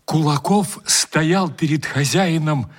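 A man reading a humorous story aloud with lively, expressive delivery. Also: on the high side, slow. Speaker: narrator.

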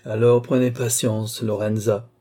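A man voicing a mysterious male captor who speaks calmly, sadly and persuasively. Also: fairly low pitch, a little slow, natural voice. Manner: calm, sorrowful, persuasive.

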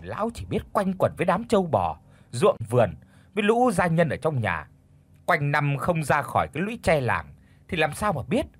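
A man's voice: wildly swooping pitch, moderate pace, breathy edge, no echo, faint music behind, full character voice. A man voicing a pushy, nagging old wife of a rich villager who bosses her servants in an audio story. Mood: arguing. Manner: nagging, shrill, bossy.

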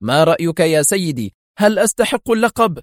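A man's voice: fairly high pitch, expressive, fast talker, darkish tone, dry recording, studio quality, natural voice. A man voicing an eager young male agent protégé in an audiobook, seeking approval.

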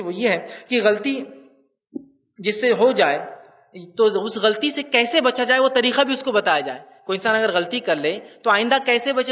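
A man giving an animated religious lecture, repeating his points and asking listeners rhetorical questions. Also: high voice, far from the mic, highs cut off. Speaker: Islamic lecturer.

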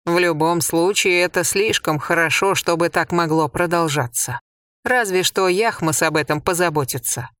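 A woman's voice: on the low side, moderate pace, fairly bright tone, dry recording, clean studio sound, lightly acted. A reader voicing a scornful old grandmother. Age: older. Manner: mocking, blunt. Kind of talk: audiobook character voice.

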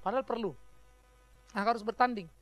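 A man's voice: extremely high pitch, steady tone, a little fast, a bit bright. A man preaching a sermon as pastor, joking with the congregation, often laughing and acting out the voices of people he quotes.

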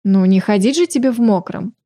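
A self-assured young man talks in a playful, teasing way, voiced by a woman in her own voice. Her tone is mellow and unforced. The sound is close and dry. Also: mid-range voice, brisk, dry recording, close to an everyday voice.

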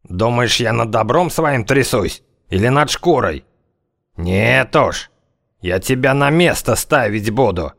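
A man voicing a tough, slang-talking gunman who threatens and mocks in a slow drawl. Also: mid-range voice, expressive, vocal fry, a bit bright, exaggerated voice. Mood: menacing mockery. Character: tough slangy male gunman, menacing, scornful.

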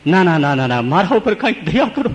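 A man's voice: sits high, very animated, brisk, in a large hall. A man voicing a frantic young man who pleads desperately to be spared.

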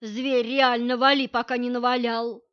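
A woman reading the lines of a tired, curt male security man in an audiobook, in a flat, dry delivery. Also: on the high side, normal speed, lightly acted. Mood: growling. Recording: dull lo-fi audio.

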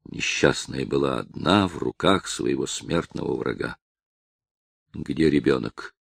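A man reading a historical novel aloud in a measured, dramatic narration style, recorded close to the mic. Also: extremely low pitch, expressive, vocal fry, a bit bright, slightly rough, no echo. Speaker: audiobook narrator. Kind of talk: scripted narration.

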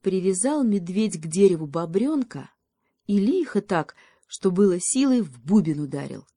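A woman reading a children's fairy tale aloud in a calm, unhurried storybook manner. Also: on the low side, dry recording. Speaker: audiobook reader. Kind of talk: storybook narration.

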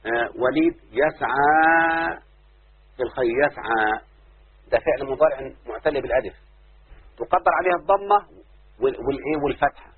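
A man with a husky, breathy voice teaches grammar in an Egyptian accent, talking fast. He keeps asking his students if they understand. The sound is muffled and thin, like a phone recording. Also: medium pitch. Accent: Egyptian Arabic. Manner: asks students again and again if they follow. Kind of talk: informal grammar lesson.

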